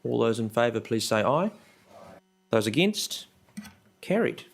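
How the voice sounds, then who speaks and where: A man with a New Zealand accent chairing a council committee meeting, running through motions in a brisk, businesslike way. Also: mid-range voice, very animated, gravelly. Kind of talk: formal meeting procedure. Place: council chamber.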